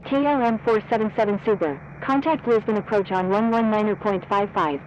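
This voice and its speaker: A mid-pitched voice delivers clipped air traffic radio calls in the manner of a pilot over the radio. The phrasing is formulaic and scripted. Faint vehicle-like noise runs behind it. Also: fairly quick, lo-fi sound.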